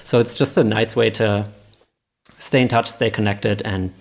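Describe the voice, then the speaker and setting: A man's voice: on the low side, fairly even intonation, a little slow, vocal fry. A man, a podcast guest in casual chat, talking with many restarts and a self-deprecating humor.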